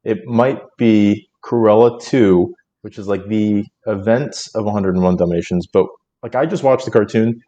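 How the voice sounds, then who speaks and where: A man's voice: lowish voice, moderate pace, dark tone, muffled recording. A man co-hosting a film podcast in casual chat, rambling with lots of fillers and frequent laughter. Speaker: podcast co-host.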